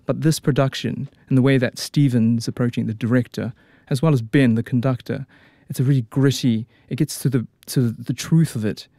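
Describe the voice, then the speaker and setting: A man's voice: mid-range voice, fairly even intonation, moderate pace, few pauses, dark tone, dry recording, clean studio sound. A man, an opera tenor chatting as a guest in a casual radio interview, full of fillers and restarts. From New Zealand.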